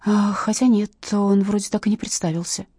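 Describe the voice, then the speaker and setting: A woman's voice: mid-range voice, fairly even intonation, brisk, mellow, breathy edge, no echo, studio quality, pitched above the performer's own voice, close to an everyday voice. A woman voicing a composed woman writer who drawls and hesitates. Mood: unsure. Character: composed woman detective writer, slightly unsure.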